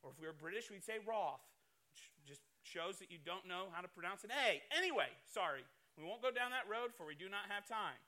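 A man's voice: high voice, expressive, a little fast, hardly any pauses, bright, forceful tone. A man preaching a sermon, emphatic and swinging between playful asides and solemn warnings. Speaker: pastor.

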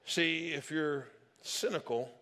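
Here the pastor speaks slowly in a slightly high, sharp voice that echoes like a big room. He tells stories casually during his sermon, acting out each quoted person.

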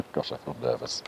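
A man with a low voice hosts a casual solo podcast while out walking, thinking aloud and musing without hurry. He's outdoors by an oak tree in the countryside, and his portable cassette recorder picks up background noise and clicks.

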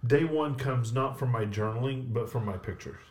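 A man co-hosting a casual podcast, speaking haltingly and repeating his words. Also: mid-range voice, a little mellow. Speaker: podcast co-host. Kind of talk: casual chat. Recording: roomy echo.

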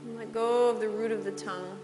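A woman teaching yoga, giving slow, gentle relaxation cues with long pauses. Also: fairly high pitch, steady tone. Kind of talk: guided relaxation instruction. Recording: long reverb with soft music.

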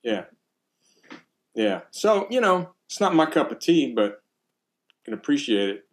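Animated man telling stories casually. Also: a little high, a little slow. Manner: animated storytelling, acts out exclamations. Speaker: percussion teacher. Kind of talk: casual conversation.

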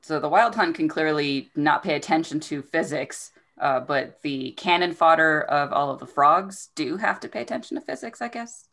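Low-voiced woman retelling a story. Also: expressive, normal speed, few pauses, a bit bright. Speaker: podcast host recapping a fantasy novel. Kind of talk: casual book discussion, retelling the plot.

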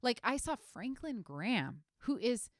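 A woman co-hosting a podcast, analytical and thoughtful, speaking in quick bursts with restarts. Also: a little high, sing-song, no echo, clean studio sound. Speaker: podcast co-host. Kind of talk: casual conversational podcast.

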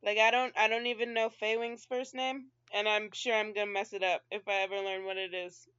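A woman player joking deadpan during a tabletop game. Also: medium pitch, fairly quick, smooth, dry recording. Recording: dry, dull lo-fi mic.

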